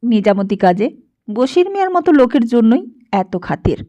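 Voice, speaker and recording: A woman's voice: on the high side, very animated, normal speed, mellow, muffled recording. A woman narrating a novel as an audiobook reader, reading steadily and expressively. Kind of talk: storybook narration.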